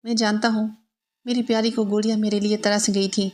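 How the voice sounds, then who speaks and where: A woman voicing a pushy, leering middle-aged uncle in a flat, even reading. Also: medium pitch, natural voice. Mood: mocking.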